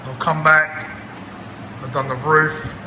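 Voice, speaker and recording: Down-to-earth car restorer, flat delivery, slightly breathless, echoey garage. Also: male voice, fairly high pitch, slow pace. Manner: chatty, down-to-earth, self-deprecating. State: out of breath from machine polishing. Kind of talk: casual workshop commentary. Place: garage workshop. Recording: roomy workshop with clear background noise.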